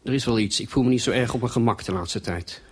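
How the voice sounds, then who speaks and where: A man's voice: mid-range voice, fast, a little hiss or hum, lightly acted. A man voicing an uneasy married woman. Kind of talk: storytelling reading.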